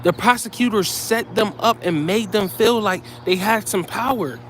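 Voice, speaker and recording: A man's voice: high-pitched, moderate pace, a little hiss or hum. A man delivering heated, profane commentary straight to his viewers, blunt and scolding.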